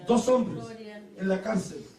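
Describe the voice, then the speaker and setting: A Chilean man preaching a Pentecostal sermon, telling stories with laughter and sudden shouted praises. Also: sits high, expressive, slow pace, recorded from a distance. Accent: Chilean Spanish. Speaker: pastor. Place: church hall. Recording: echoey church hall, mic from afar.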